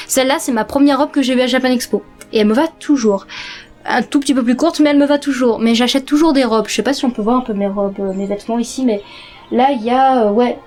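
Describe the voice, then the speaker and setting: Teenage girl vlogging, bedroom chat, slightly high-pitched, halting and filler-heavy, faint music behind. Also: a little mellow. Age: late teens. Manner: chatty, hesitant, many fillers. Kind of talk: casual vlog chat. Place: her bedroom.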